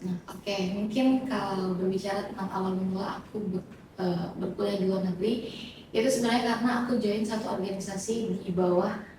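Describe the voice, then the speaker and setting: A woman in her twenties, a guest speaker, explaining her experiences in a friendly, unhurried way with many hesitant fillers. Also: mid-range voice, steady tone, background noise. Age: 20s. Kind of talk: casual interview answers. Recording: very echoey room, voice from far off.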